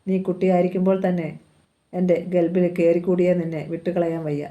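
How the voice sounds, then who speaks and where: Brief: woman reading an old rich man from a storybook, low flat delivery. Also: brisk, lo-fi sound, natural voice. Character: old wealthy man, pleading then domineering.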